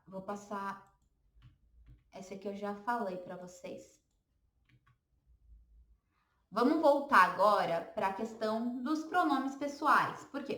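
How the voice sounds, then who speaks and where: A woman's voice: medium pitch, fairly bright tone. A woman with a Brazilian Portuguese accent teaching a beginner English lesson, patiently repeating words for learners to echo.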